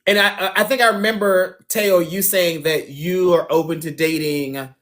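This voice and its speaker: A man's voice: high-pitched, steady tone, normal speed, a bit bright. A man hosting a dating show on a phone livestream, chatting casually, talking straight to viewers and laughing often.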